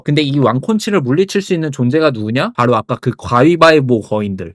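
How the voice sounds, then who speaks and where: Playful young man, lively comic storyteller. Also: mid-range voice, dry recording, studio quality. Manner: playful, jokey, acts out quoted lines. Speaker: comedic storyteller. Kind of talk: comic recap of an anime plot.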